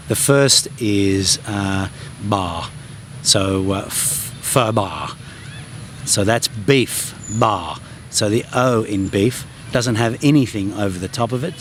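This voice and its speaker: A man's voice: fairly low pitch, a little hiss or hum. A man hosting a casual travel language lesson, chatty and self-deprecating, with lots of ums and restarts. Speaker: language class host. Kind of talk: casual spoken lesson to camera.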